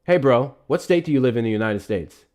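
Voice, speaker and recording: A young man hosting a live political call-in stream, blunt and profane, quick to anger. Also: medium pitch, expressive, darkish tone. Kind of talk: heated live call-in talk.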